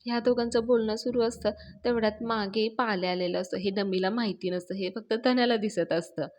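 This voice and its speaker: A woman hosting her own channel, recapping a TV serial episode in a lively storytelling manner. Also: mid-range voice, fairly quick. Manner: lively storytelling with quoted dialogue. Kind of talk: casual recap narration.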